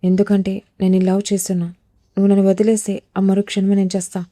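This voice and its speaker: A woman's voice: mid-range voice, completely flat delivery, quick pace, no room sound, clean studio sound, lightly acted. Woman reading as a hot-tempered gangster husband. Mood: earnest. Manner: forceful, demanding.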